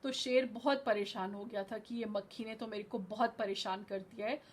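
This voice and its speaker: A woman's voice: mid-range voice, steady tone, normal speed, slightly rough. A woman school teacher in an online class, reading a story aloud and patiently explaining words, mixing in English terms. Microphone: video call.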